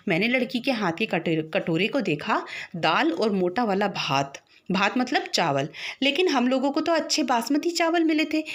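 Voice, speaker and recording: A woman teacher reading a short story aloud to her students, raising her voice for the characters' lines. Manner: acts out the characters' lines with raised pitch.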